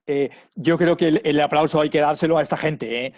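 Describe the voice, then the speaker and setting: A man's voice: a little high, fairly even intonation, moderate pace, a little mellow, no echo. A man speaking as the lecturer, answering audience questions after a talk with friendly but hesitant replies, heard through online call audio.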